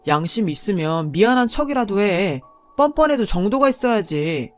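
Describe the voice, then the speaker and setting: Scornful cheapskate husband, woman reads, mid-pitched, berating. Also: big pitch swings, moderate pace, soft background music, close to an everyday voice. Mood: sneering. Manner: sneering, berating. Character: scornful stingy young husband.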